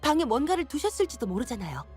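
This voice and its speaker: An actress playing a video game character in a dramatic story scene. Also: female voice, high-pitched, big pitch swings, racing, a little mellow, soft background music. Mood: thoughtful, familiar. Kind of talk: game voice acting.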